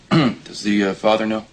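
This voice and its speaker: An actor playing a wry, protective young man in a 1980s soap opera, speaking dryly and sarcastically with halting fillers. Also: lowish voice, a little hiss or hum, low-quality recording. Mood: wry, concerned.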